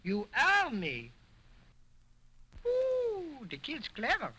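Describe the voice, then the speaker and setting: A fresh-mouthed wooden dummy boy talks back in a squeaky, sing-song puppet voice. Its pitch leaps all over the place, its tone is bright and piercing, and its sassy wisecracks come out slow and drawn. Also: huge pitch swings, exaggerated voice, poor audio. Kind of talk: 1920s film acting.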